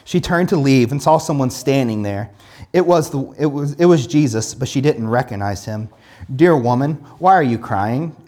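There is a little hiss or hum behind this medium-pitched, darkish voice. It belongs to a pastor teaching the Bible in a relaxed way, reading passages aloud between comments and building forceful points with repeated phrases and lots of "like" fillers.

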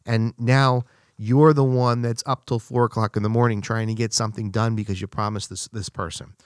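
A man's voice: level tone, a little fast, no room sound, studio quality. A man talking through business advice in a casual, conversational monologue, acting out little dialogues as he goes. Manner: conversational, acts out quoted dialogue with rising pitch. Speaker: business speaker.

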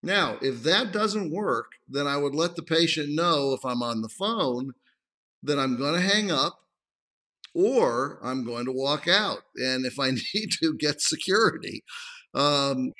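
Bright-voiced calm man explaining. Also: on the high side. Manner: calm, measured, acts out patient dialogue. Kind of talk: interview answers.

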